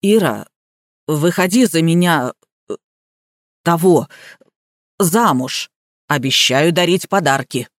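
Clumsy blunt gardener man, put on by a female reader, low and mumbling, close dry audiobook voice. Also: expressive, slow, long pauses, dry recording. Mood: awkward. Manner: mumbling, blurting. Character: blunt clumsy male gardener, simple-minded.

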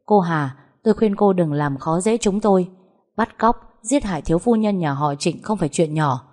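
A woman's voice: fairly low pitch, lively intonation, moderate pace, mellow. A woman voicing a firm police officer who warns in a formal, stern tone.

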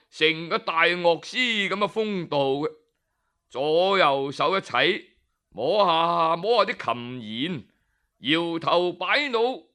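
Speaking in a high register, a Hong Kong Cantonese-accented man relates a traditional tale with drama and energy, breaking it up with pauses and interjections.

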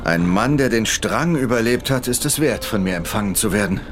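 A man's voice: fairly low pitch, animated, brisk, over music, natural voice. An actor playing a proud, glory-hungry medieval English king in an audio drama, grandiose and commanding, in archaic courtly speech. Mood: imperious.

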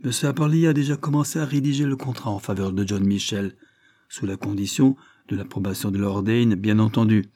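A man's voice: lowish voice, brisk, dark tone, a little hiss or hum, close to an everyday voice. A man voicing a male tenant in an audiobook, polite on the surface but biting and almost imperious. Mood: insistent. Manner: respectful yet biting, nearly imperious. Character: deferential but bold male tenant seeking a lease.

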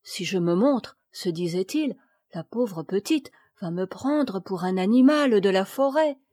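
A woman voicing a gentle, sad boy who looks like a bear, speaking softly and sorrowfully. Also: mid-range voice, expressive, unhurried, no room sound, studio quality. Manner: soft and sorrowful.

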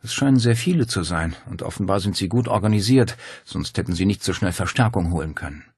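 A man's voice: sits low, animated, quick pace, husky, dry recording, studio quality, full character voice. A man voicing a determined young woman who speaks urgently and decisively. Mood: tense.

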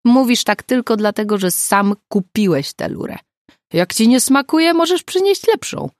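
A woman's voice: fairly high pitch, very animated, normal speed, dry recording, studio quality, voice pushed up. A woman reading a grumpy, stingy cop. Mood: needling. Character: grumpy stingy male police detective.

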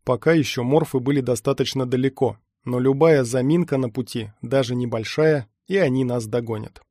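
Sex: male. Role: audiobook narrator. Style: scripted first-person narration. Timbre: dark, mellow. Sound: dry studio. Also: medium pitch, normal speed, dry recording. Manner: steady first-person storytelling.

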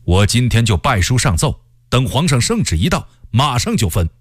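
A man's voice: mid-range voice, sing-song, normal speed, slightly rough, no echo. A man voicing a proud, stubborn male army commander who speaks in a stern, scornful way. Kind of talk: storytelling character voice.

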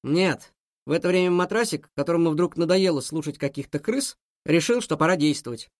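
A man narrating a children's story in a lively, expressive way. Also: on the high side, fast talker, dry recording, clean studio sound.

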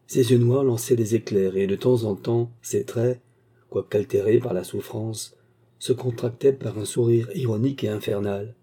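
A man reading a classic short story aloud as an audiobook narrator, measured and even. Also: medium pitch, husky. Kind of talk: scripted narration of classic fiction.

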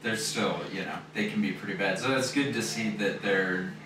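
A man's voice: lowish voice, moderate pace. A man chatting casually as a podcast co-host, rambling and full of fillers. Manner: loose and rambling, heavy on fillers. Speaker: podcast co-host reviewing a film. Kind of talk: casual chat. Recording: very echoey room, distant mic, noisy.

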